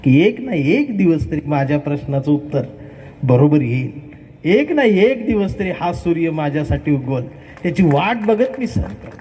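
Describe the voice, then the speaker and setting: A man voicing a patient, long-suffering village schoolboy who is stubborn and quiet, speaking low and firm. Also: sing-song, moderate pace. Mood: grim resolve. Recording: echoey hall reverb.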